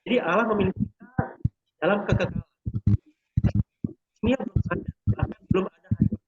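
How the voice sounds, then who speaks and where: A man's voice: high-pitched, brisk, husky. A man teaching scripture on an online call, explaining methodically step by step while his audio keeps cutting in and out. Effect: choppy audio cutting in and out. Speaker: Bible study teacher. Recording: dull noisy online call line.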